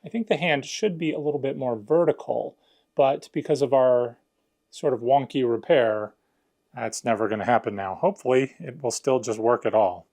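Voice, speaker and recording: A man's voice: medium pitch, normal speed, darkish tone. A man narrating a hands-on unboxing and review in a casual, conversational, explanatory way. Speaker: product reviewer.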